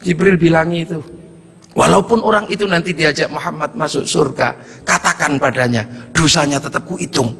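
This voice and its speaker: A middle-aged man, preaching a sermon and telling a story with acted-out voices and sudden shouts. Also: fairly high pitch, normal speed, creaky, slightly rough, big-room sound. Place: religious gathering.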